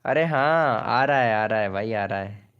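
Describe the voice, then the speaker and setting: Slow, smooth-voiced man hosting. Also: fairly low pitch, expressive, dull audio. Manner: chatty, greets viewers by name and reads out chat. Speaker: live stream host. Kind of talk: casual live-stream chat.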